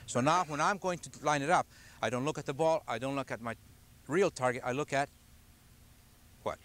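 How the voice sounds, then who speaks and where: An older golf instructor runs an outdoor clinic on a grassy driving range, patiently quizzing the group as he explains. His voice is medium-pitched, a little fast and slightly bright. A camcorder picks him up from a distance.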